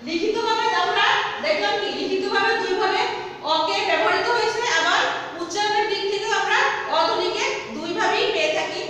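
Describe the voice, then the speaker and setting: A woman teacher giving a grammar lesson, repeating words slowly and putting questions to her listeners. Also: very high-pitched, sharp tone. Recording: echoey room from far off with faint noise.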